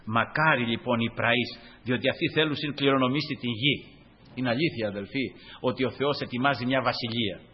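A man preaching a sermon to his congregation, animated, acting out the dialogue he quotes. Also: medium pitch, slightly rough. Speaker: lay preacher. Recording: dull lo-fi recording.

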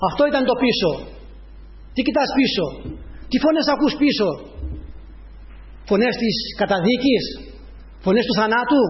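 A man preaching a sermon, repeating his points and rising to emphatic peaks as he addresses the congregation as brothers. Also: high-pitched. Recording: dull lo-fi recording with long reverb.

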